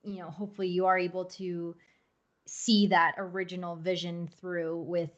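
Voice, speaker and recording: A woman's voice: lowish voice, flat delivery, moderate pace, muffled recording. A woman hosting a podcast interview, asking questions in a supportive, encouraging way. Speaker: podcast host.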